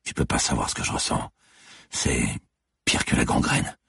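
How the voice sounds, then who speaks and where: A man reading aloud plays a predatory police lieutenant, talking in a quiet, taunting, half-whispered menace. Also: normal speed, no echo, clean studio sound, lightly acted. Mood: menacing.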